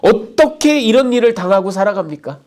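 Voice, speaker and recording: A man's voice: high voice, normal speed, a little mellow, natural voice. A pastor voicing a fearful young man who protests and complains in a raised, indignant tone.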